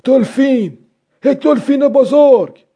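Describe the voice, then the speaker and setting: A man voicing an old fisherman who talks to himself in a low, measured way, in an audiobook. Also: expressive, gravelly, dark tone, breathy edge, heavily acted. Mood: excited. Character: old male fisherman, weathered and patient. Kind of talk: audiobook character voice.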